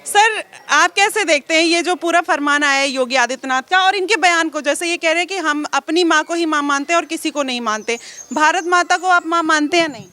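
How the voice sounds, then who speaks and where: A woman's voice: extremely high pitch, brisk, few pauses, sharp tone, dry recording. A woman street reporter from asking pressing, probing questions in a public interview.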